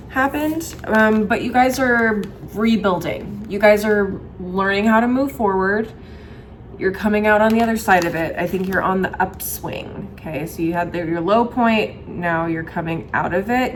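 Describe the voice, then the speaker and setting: Casting: young female tarot host, casual and conversational, thinks aloud, medium pitch, noticeable background noise. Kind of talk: casual tarot reading to camera.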